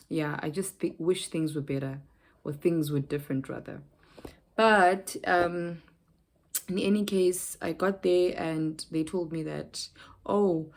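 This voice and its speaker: A woman's voice: low-pitched, a little mellow. A young South African woman vlogging in casual chat, telling a rambling story with lots of fillers and restarts.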